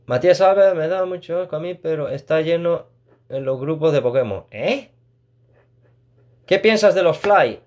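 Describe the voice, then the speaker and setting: A man chats casually while streaming a mobile game. He reads his chat aloud, talks warmly to viewers, and laughs often. He is talking a room at home. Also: fairly high pitch, lively intonation, normal speed, pauses often.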